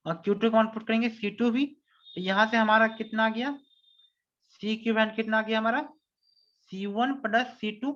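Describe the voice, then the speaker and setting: A man's voice: sits high, fairly bright tone. A man teaching a physics lesson online. He explains step by step and often asks whether everyone follows. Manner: reads English question text slowly. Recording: dull lo-fi recording.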